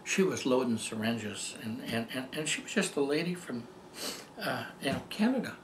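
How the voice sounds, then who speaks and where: An older man recounts a personal story in an earnest, meandering way, often stumbling into "and, um" restarts. His voice sits at an ordinary middle pitch, with a faint hum of ambience behind him. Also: lively intonation, normal speed, reverberant. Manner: rambling, heartfelt, many fillers and restarts. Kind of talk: casual spoken testimony.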